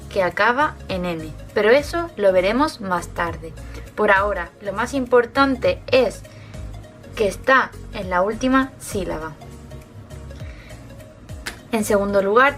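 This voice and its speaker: A woman teaching a grammar lesson in a scripted narration, explaining clearly and step by step. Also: mid-range voice, a bit bright.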